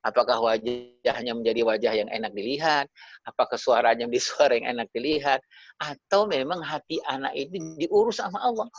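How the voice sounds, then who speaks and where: A man's voice: medium pitch, fairly quick, dry recording. A man giving a parenting talk to parents over a video call. He speaks to them directly and keeps tagging his points with little fillers. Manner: addresses parents directly, with frequent tag fillers. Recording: dull lo-fi video-call audio.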